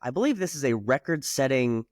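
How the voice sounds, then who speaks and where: A man's voice: mid-range voice, very animated, brisk, dry recording, studio quality. A man co-hosting a casual political podcast, chatty and full of "you know" fillers. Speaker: podcast co-host and state lawmaker.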